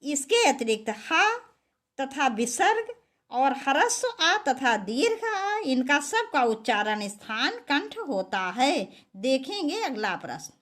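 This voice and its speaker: Woman teacher, slow and lively, for a quiz lesson. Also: high voice. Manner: reads options slowly, then explains with stressed syllables.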